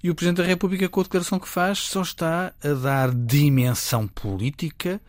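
A man with a European Portuguese accent giving calm, explanatory political commentary on the radio. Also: fairly high pitch, brisk, no echo.

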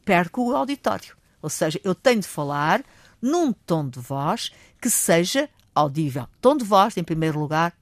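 Older woman, portugal accent, teacher explaining stuff, lively and animated, pretty dry sound. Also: mid-range voice, no room sound. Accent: European Portuguese. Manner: lively, acts out examples, admits speaking fast. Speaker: guest speaker, Portuguese teacher. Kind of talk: explanatory talk on public speaking.

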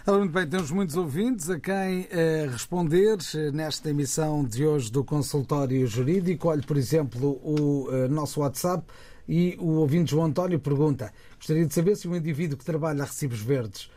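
A man's voice: fairly high pitch, normal speed, dark tone. A male radio host, introducing and reading out listener questions with some hesitant fillers. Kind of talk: radio hosting.

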